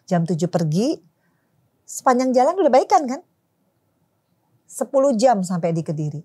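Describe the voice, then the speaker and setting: A woman's voice: fairly high pitch, very animated, moderate pace, dark tone, husky. A woman guest in a casual interview, telling a personal story in colloquial speech and acting out quarrels in quoted voices. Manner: colloquial, mixes in slang and English words.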